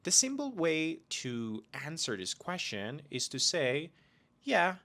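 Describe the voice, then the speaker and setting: A man teaching English on a podcast, talking slowly and with care. His pitch moves up and down a lot, and his voice has a bright edge. He stretches out the example phrases so learners can follow. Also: wildly swooping pitch. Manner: slow, careful delivery with drawn-out example phrases. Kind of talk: scripted lesson narration.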